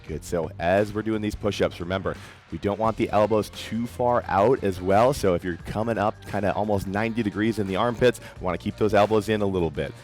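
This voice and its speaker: A male fitness coach leads a workout class, giving encouraging instructions and counting down every exercise. His lowish, darkish voice moves fairly quickly, with faint music in the background.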